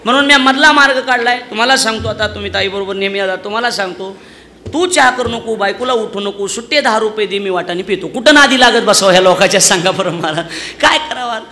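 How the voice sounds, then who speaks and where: A man preaching a comic devotional sermon on stage, loudly acting out the voices of villagers in his stories. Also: high voice, quick pace, slight background noise. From Maharashtra, India. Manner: loud, animated storytelling, acting out villagers' voices. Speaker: kirtan preacher.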